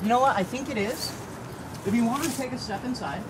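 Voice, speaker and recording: A man's voice: extremely high pitch, a little fast. A young man casually showing visitors around an outdoor protest camp, chatty and easygoing, laughing now and then. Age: young adult. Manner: relaxed, chatty, laughs easily. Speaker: camp resident giving a tour. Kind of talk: casual guided tour. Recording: outdoor noise behind.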